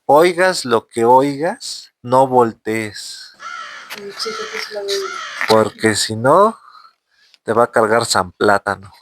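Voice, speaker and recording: A man with a Mexican accent voicing a mysterious old man stranded in the mountains, who begs to be carried and warns gravely. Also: mid-range voice, expressive, drawn-out words, pauses often, slight background noise. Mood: warning.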